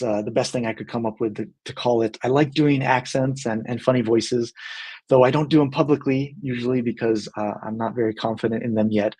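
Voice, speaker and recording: Husky-voiced guy chatting to camera, earnest, lots of um and uh. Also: mid-range voice, a little mellow. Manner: friendly, earnest, lots of fillers and restarts. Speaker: company team member hosting a video segment. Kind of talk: casual talk to camera.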